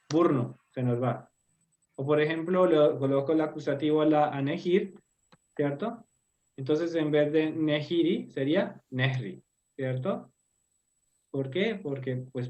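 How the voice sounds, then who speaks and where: This Turkish teacher runs a language class for an online group via video call, speaking in a warm voice on the high side. He explains patiently yet hesitantly, with frequent fillers and tag questions to check comprehension.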